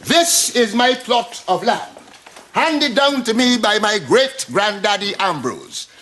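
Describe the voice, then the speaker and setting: A man's voice: sits high, big pitch swings, takes it slowly, pushed and bright, full character voice. An actor with a Guyanese accent playing a boastful older male barbershop owner who lectures his customers in a studio sitcom. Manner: pompous, lecturing.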